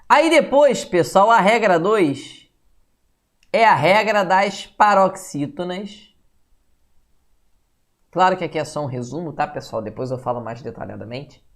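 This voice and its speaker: A man's voice: high-pitched, lively intonation, measured pace, long pauses. A man with a Brazilian Portuguese accent teaching a live online grammar lesson for exam prep, chatty and often checking in with his viewers. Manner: chatty, keeps checking in with "beleza?" and greets viewers by name.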